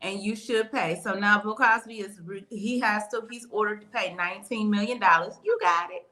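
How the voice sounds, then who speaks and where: Blunt sarcastic woman co-host, bright voice. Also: mid-range voice, moderate pace, low-quality recording. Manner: blunt, sarcastic, talks to listeners directly. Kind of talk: casual radio talk show chat.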